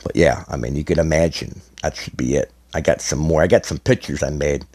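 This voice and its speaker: Deep-voiced man rambling about a game. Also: a little fast, a little mellow. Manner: rambling, many restarts and fillers. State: slightly hoarse, losing his voice. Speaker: gaming content creator. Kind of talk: casual explanatory gaming video.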